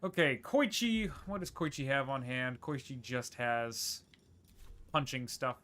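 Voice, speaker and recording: A man streaming a video game, rambling and thinking aloud with quick laughs as he plays. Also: medium pitch, pushed and bright. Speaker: gaming streamer. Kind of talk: casual gameplay commentary.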